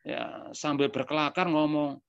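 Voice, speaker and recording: A man's voice: a little high, fairly even intonation, unhurried, a bit bright, smooth, no room sound. A man telling a personal story, acting out bits of dialogue, with frequent filler words. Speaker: speaker giving a testimony. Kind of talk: spoken reminiscence. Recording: dry, dull lo-fi sound.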